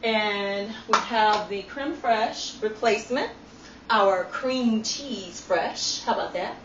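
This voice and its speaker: A woman's voice: mid-range voice, slow pace, reverberant, dull audio, background noise. A woman demonstrating a recipe in her home kitchen, chatty and instructive, recorded on a phone camera from a distance. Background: clattering dishes and cutlery.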